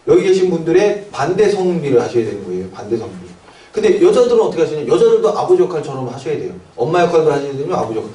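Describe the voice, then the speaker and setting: Guy lecturing fast to a room of academy owners, keeps asking em questions, mellow voice, echoey hall. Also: a little high. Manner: asks the audience questions and answers them himself. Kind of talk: seminar lecture. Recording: echoey room, mic at a distance.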